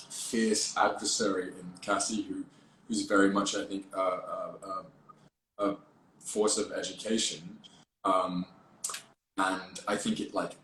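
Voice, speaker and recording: A man with a lowish voice chatting casually on a livestream, playful and a bit rambling as he restarts his sentences. The sound is roomy and echoey, with a faint hum of background noise behind him. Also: fairly bright tone. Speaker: actor. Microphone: phone livestream.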